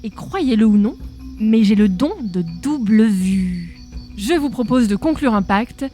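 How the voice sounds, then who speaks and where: A woman's voice: medium pitch, expressive, measured pace, dark tone, soft background music, lightly acted. A woman playing an odd prophetess of spirits in a cartoon, with the solemn, theatrical manner of a seance medium. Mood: solemn, mysterious.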